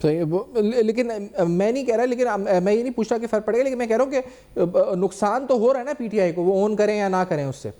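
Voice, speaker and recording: A man's voice: high-pitched, hardly any pauses, warm tone. A man hosting a talk show, asking long, layered questions with fillers. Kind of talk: studio talk show interviewing.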